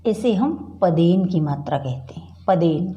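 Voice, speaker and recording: A woman's voice: fairly low pitch, lively intonation, measured pace, warm tone, muffled recording. A middle-aged woman teaching a primary school class at the board, patient and repeating words while asking the class questions. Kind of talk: slow board lesson for children.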